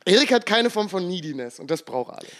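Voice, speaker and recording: A man co-hosting a podcast, tossing in quick teasing remarks. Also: high voice, big pitch swings, fairly bright tone, no echo, clean studio sound. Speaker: podcast co-host. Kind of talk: casual podcast banter.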